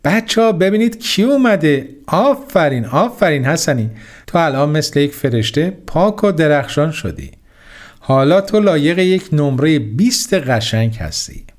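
A man voices a cheerful school health lady from a children's storybook. She speaks loudly and full of praise, in a voice pitched well above the narrator's. He puts her on as he reads. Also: animated, close to an everyday voice. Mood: delighted. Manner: loud, praising.

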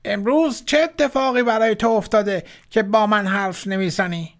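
A man's voice: sits high, voice pushed up. A man voicing a clever, cautious male monkey in a children's story, sly and playful.

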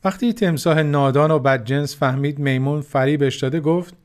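A man narrating a children's story, gently addressing the children who listen. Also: fairly high pitch, smooth. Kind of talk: scripted narration.

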